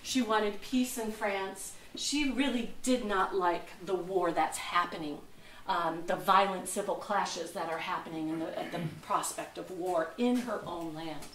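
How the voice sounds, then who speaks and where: In a museum lecture room, a woman docent gives a small group a casual history talk, chatty and laughing at herself while sometimes searching for words. Her voice is fairly low and a bit bright, at a measured pace, with a little hiss or hum; the room is echoey and the mic far off.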